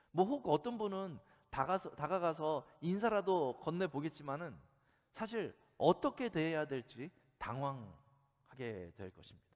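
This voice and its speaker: Korean pastor preaching with lively pitch. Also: male voice. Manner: conversational storytelling, rhetorical questions to the congregation. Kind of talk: sermon. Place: church sanctuary. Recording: long hall reverb.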